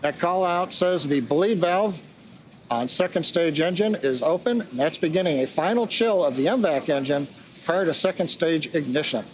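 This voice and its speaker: A man's voice: fairly high pitch, animated, moderate pace, poor audio. A man hosting a launch webcast with explanatory, matter-of-fact technical commentary. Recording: faint background noise.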